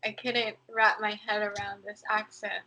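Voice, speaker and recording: Through a rough recording with a little hiss or hum, a young American podcast guest chats casually and unhurriedly. Her medium-pitched voice is bright and forceful but flat in delivery, and she rambles with plenty of likes and ums.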